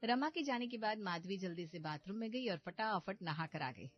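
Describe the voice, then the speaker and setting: Calm woman storybook narrator. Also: medium pitch, moderate pace. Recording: slightly dull audio with background music.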